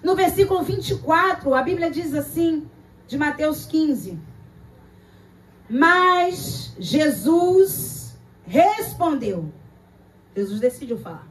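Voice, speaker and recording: A woman's voice: high-pitched, lively intonation, normal speed, recorded from a distance. A Brazilian woman pastor preaching a sermon in a dramatic storytelling way, acting out voices and repeating phrases. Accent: Brazilian Portuguese.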